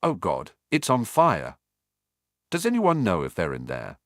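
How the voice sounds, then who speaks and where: A man's voice: deep voice, wildly swooping pitch, fairly bright tone, no room sound, studio quality, full character voice. Man voicing a clever, bossy teenage witch. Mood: worried. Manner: measured, retorting.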